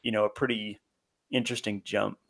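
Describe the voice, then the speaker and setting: A man's voice: on the low side, flat delivery, fairly quick, creaky, a bit bright. A man hosting an interview, laid-back and chatty, who says "awesome" and "cool" often and asks long, winding questions. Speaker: podcast host.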